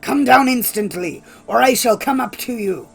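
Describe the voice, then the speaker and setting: A woman's voice: fairly high pitch, expressive, normal speed, gravelly, husky, soft background music, pitched above the performer's own voice, exaggerated voice. A woman voicing a cruel, commanding, murderous husband in a storybook tale, harsh and menacing. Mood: bellowing rage.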